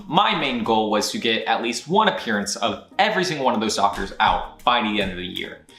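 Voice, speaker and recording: A man hosts his channel's casual year-end recap, rambling along and breaking off into jokey asides. His voice is mid-range with a sharp tone. The recording has a roomy echo and faint music.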